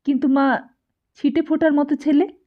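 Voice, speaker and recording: A woman's voice: high voice, little pitch movement, moderate pace, voice pushed up, natural voice. A woman voicing an earnest young man pressing his mother with questions, in a storybook reading. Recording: dull lo-fi recording.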